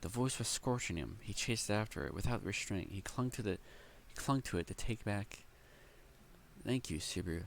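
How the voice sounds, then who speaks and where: Low gravelly young man reading aloud. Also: slight background noise. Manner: reads haltingly with slips, breaks off to react excitedly. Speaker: light novel reader and reactor. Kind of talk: casual read-aloud with commentary.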